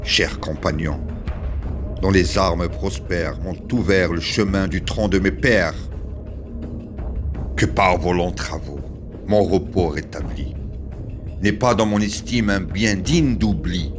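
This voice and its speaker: A proud, grave warrior king, acted by a man, declaims classical tragedy in the grand stage manner. His voice is very low and he speaks very slowly, with solemn weight and long pauses. Music plays behind him. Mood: solemn triumph. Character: proud victorious king and war leader, grave and lofty.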